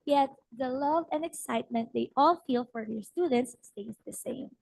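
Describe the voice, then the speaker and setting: Young woman narrating a little story at a ceremony, husky strained voice, lots of ums. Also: sits high, moderate pace, darkish tone, low-quality recording. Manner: hesitant with frequent fillers. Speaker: student practice teacher presenting. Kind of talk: storybook-style presentation narration. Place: ceremony hall.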